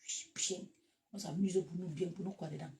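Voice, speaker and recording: Woman, Cameroonian French accent, gravelly voice, casual chat to followers, loud animated bursts. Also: lowish voice, normal speed. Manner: animated, laughs loudly, shifts to loud bursts. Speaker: social media live host.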